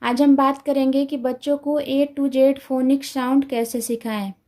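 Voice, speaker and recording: A woman teaching letter sounds to parents, repeating each sound carefully and slowly. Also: sits high, flat delivery, warm tone. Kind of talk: slow instructional explanation.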